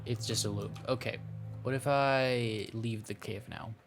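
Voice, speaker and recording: Speaking a little slowly with fairly even intonation, this mid-range male gameplay host reads a visual novel aloud. He mocks himself playfully and trips over the words, with music in the background.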